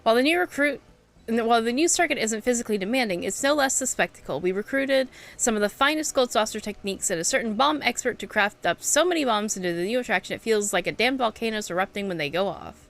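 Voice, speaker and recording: A woman's voice: a little high, expressive, fast, a bit bright, faint music behind. A woman voicing a boastful male showman from a video game, reading his announcements aloud theatrically. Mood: showy.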